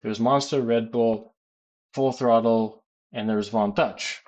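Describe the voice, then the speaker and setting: American guy rambling on a live stream, lots of ums, medium pitch. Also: fairly even intonation, measured pace, darkish tone. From United States. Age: adult, works as a teacher. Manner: rambling, many fillers and restarts. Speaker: gaming streamer answering chat questions. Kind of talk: casual live-stream chat.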